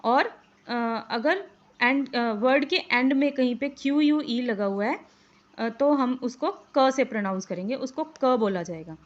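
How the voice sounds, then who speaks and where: A woman gives a slow English phonics lesson, speaking in a fairly high voice. She repeats letters and example words again and again, with frequent fillers. The recording sounds dull and lo-fi. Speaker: English teacher. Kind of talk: spoken English lesson in Hindi.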